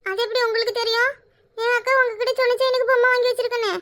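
A woman's voice: very high-pitched, level tone, very fast, fairly bright tone. A woman voicing a scared little schoolboy who skipped school, pleading and fretful, with a Kanyakumari Tamil accent. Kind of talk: cartoon voice acting.

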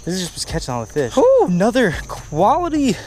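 A man in his twenties chatting excitedly to viewers on an outdoor fishing vlog, slangy and upbeat, recorded on an action camera by a pond. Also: sits high, brisk, a little hiss or hum. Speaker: fishing vlogger. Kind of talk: casual outdoor vlog commentary. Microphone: action camera, head-mounted and handheld.

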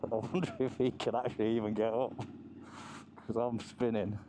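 On winding mountain roads, this motorcycle vlogger gives loose ride commentary over his helmet mic, cracking up frequently and cursing freely. He speaks at a moderate pace in a dark, medium-pitched voice with little pitch movement, against slight background noise.

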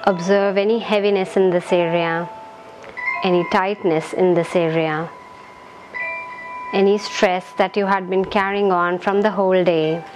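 A woman leads a guided meditation over music in a rough recording, her voice lowish. She stays calm, gentle and soothing, offering instructions in short phrases with long pauses.

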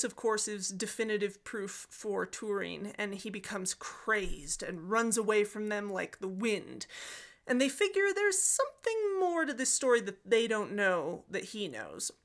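A woman's voice: mid-range voice, fairly bright tone. A woman hosting a book summary series, retelling a story in a chatty, casual way with joking asides.

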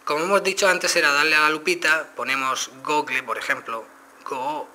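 Bright-voiced man from Spain demoing. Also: on the high side, steady tone, fairly quick, a little hiss or hum. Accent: Spain Spanish. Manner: explanatory, addresses viewers directly. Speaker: phone reviewer. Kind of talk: casual product demo.

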